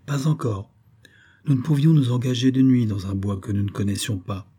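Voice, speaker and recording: A cunning suspect, voiced by a man reading aloud, protests his innocence in a theatrical, pleading way. The voice is husky and dark-toned, and his indignation is put on for show. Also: mid-range voice, fairly even intonation, normal speed, lightly acted. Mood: evasive. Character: cunning male suspect feigning outraged innocence.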